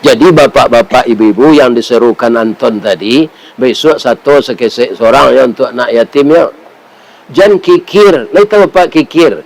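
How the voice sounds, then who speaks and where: A man's voice: mid-range voice, moderate pace, poor audio. A middle-aged man with a Minangkabau accent preaching a sermon, telling stories with humor and asking his listeners "ya kan?". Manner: storytelling with humor and rhetorical "ya kan?".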